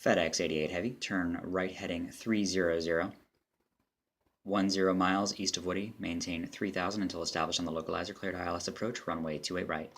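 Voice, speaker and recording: Speaking a little fast, a man with a low, fairly bright voice keeps his tone steady. He plays air traffic controller and narrates a demo, pairing clipped phraseology with casual asides.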